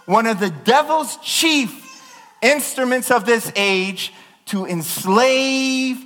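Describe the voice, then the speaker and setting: A man preaching a sermon as a pastor, impassioned and emphatic, loud enough that he apologizes for sounding like he is yelling. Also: very high-pitched, lively intonation, slow pace, in a large hall, soft background music.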